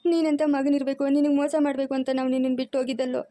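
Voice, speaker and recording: A woman's voice: fairly high pitch, fairly even intonation, brisk, darkish tone, dry recording, natural voice. A middle-aged woman playing a stern, wounded mother who scolds her family firmly in a home drama. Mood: bitter reproach. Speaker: mother-in-law. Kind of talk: amateur family drama acting.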